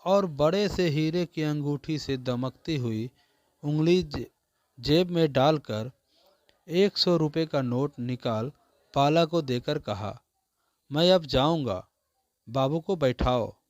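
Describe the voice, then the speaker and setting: A man narrating a literary story in the first person, in a measured, literary telling. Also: a little high, darkish tone, no room sound.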